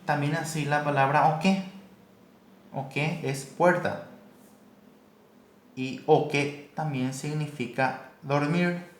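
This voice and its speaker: Slow, careful male language teacher. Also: a little high, fairly even intonation, roomy sound. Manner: slow, careful explanations with repeated examples. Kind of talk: recorded class lesson.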